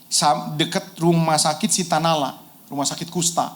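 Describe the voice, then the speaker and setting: A middle-aged male pastor, preaching a sermon as an animated storyteller who drops into colloquial slang and shouts at the peaks. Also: on the high side, moderate pace.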